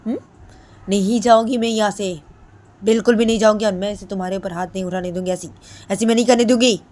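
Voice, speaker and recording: A woman's voice: sits low, flat delivery, fairly quick, dark tone. A woman voicing a stubborn, protective middle-aged mother-in-law who insists and repeats herself. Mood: defiant.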